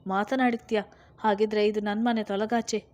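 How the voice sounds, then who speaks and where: A bitter, drunken father who shouts and curses at his wife and daughters, voiced by a woman reading the story aloud. His voice sits at an ordinary pitch, harsh and loud, like a scene in a spoken storybook. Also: flat delivery, normal speed, close to an everyday voice. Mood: furious. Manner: shouting, insulting. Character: angry drunken middle-aged father.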